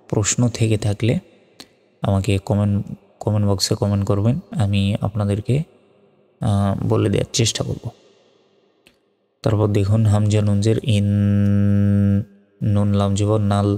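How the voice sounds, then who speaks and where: A man teaching Quran reading, spelling out syllables slowly and then reciting them in a melodic chant. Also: lowish voice, mellow. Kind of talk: letter-by-letter recitation lesson. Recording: long reverb hall with faint music.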